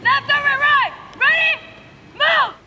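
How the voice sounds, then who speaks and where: A drill sergeant barking clipped, forceful marching commands, outdoors with noise around. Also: very high-pitched, takes it slowly, over a noisy crowd. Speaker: drill instructor.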